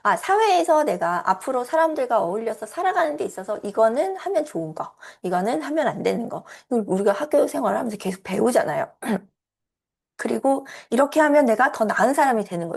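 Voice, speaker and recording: A woman's voice: lively intonation, fairly quick, gravelly. A woman life coach talking casually about why people fail to keep plans, now and then acting out scolding voices. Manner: acts out scolding and inner voices in a raised pitch. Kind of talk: casual explanatory talk.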